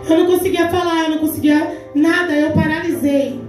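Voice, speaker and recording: A Brazilian deaconess in her forties preaches an emphatic testimony sermon at a church women's congress, acting out the dialogue she describes. Her voice is extremely high, slightly mellow, and a bit fast, with fairly even intonation and a Brazilian Portuguese accent. The recording catches her from far off in a large, echoey church hall with faint music.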